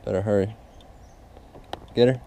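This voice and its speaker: A man filming himself fishing from a kayak on an open lake, blurting excited exclamations into an action camera. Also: on the low side, creaky. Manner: excitable exclamations, slow lively delivery. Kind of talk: excited outdoor fishing commentary. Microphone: action camera mounted on the kayak. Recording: outdoor wind and water noise.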